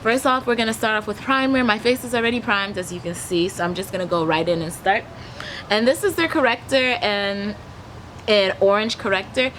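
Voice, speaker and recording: A woman's voice: mid-range voice, brisk, fairly bright tone. Young woman vlogging outdoors, noisy background. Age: young adult. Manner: chatty, explains step by step while applying makeup. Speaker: beauty vlogger giving a makeup tutorial. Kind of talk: casual vlog tutorial, talking to camera. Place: backyard outdoors, leafy garden. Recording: noisy outdoor ambience, traffic hum. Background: outdoor ambient noise.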